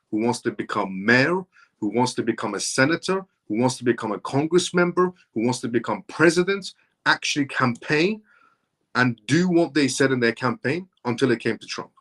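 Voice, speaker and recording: A man's voice: mid-range voice, fairly bright tone. A man in his thirties hosting a live stream, answering viewer comments and making his points in an emphatic, repetitive, insistent way. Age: 30s. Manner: reads viewer comments aloud and answers them.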